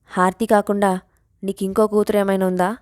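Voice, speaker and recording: A woman puts on a gruff, suspicious father in a storybook tale, snapping his questions out in short bursts. The sound is dry and close. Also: mid-range voice, little pitch movement, normal speed, darkish tone, no echo, close to an everyday voice. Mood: irritated. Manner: irritated, brusque. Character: irritable suspicious middle-aged father.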